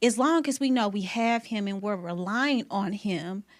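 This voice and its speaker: A woman speaks in an emphatic, testifying way, her voice pitched in the middle range. She is a hairstylist guest telling her story in candid, conversational talk with a lot of faith in it. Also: normal speed.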